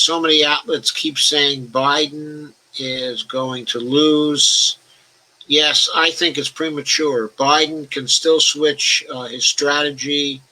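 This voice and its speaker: With a medium-pitched, pushed and bright voice captured on a low-quality recording, an older man hosts a political discussion show in a relaxed live-stream format. He answers viewer comments he reads aloud, with occasional stutters, chuckles, and restarts, and he speaks about his own stutter.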